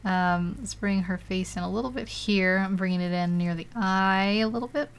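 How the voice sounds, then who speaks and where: A woman livestreams herself painting digitally on a tablet, chatting casually in a clean, mid-range voice at a moderate pace, laughing a lot and rambling with plenty of fillers.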